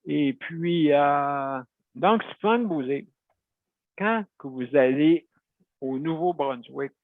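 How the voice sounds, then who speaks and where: A man's voice: a little high, slow, slight background noise. A man hosting a show, telling a rambling, chatty story to his listeners and correcting himself as he goes. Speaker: host. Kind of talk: casual talk to listeners. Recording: tinny phone-like sound, dry.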